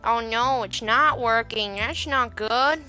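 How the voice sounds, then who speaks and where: Woman, gameplay commentary, unhurried, bright tense tone, grumbles at the game. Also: fairly high pitch, faint music behind. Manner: easily frustrated, mutters at the game. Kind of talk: casual let's-play commentary.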